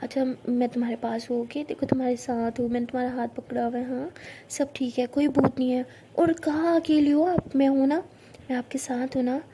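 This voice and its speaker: A woman voicing a playful, teasing young woman who tells spooky tales in a hush and comforts her friend. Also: high voice, steady tone, a little fast, noisy background, lightly acted. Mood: soothing. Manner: teasing, then soothing; hushed spooky storytelling.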